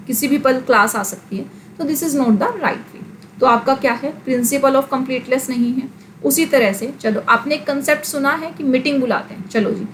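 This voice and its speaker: A woman teaching a class, her voice sitting a touch high. She explains patiently with everyday examples, switching English terms into Hindi. A faint background hiss runs under the recording. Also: fairly bright tone, poor audio. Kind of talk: classroom lecture.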